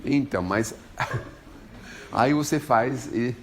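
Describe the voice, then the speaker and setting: A man's voice: medium pitch, extremely slow, background noise. A man with a Brazilian Portuguese accent giving an informal spiritual talk, joking and chatting with his listeners. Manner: jokey, animated, chats with listeners. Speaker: spiritual lecturer.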